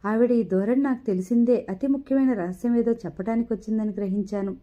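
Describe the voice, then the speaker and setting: A woman's voice: a little high, fast, warm tone. Woman narrating a novel, muffled sound. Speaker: audiobook narrator. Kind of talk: storytelling narration. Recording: dull lo-fi recording.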